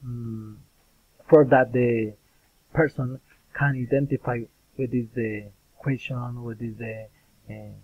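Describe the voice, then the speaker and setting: A man, a student, reading intonation example sentences aloud in a careful, halting way. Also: medium pitch, fairly even intonation, no echo. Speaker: student presenting a pronunciation assignment. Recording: tinny phone-like recording.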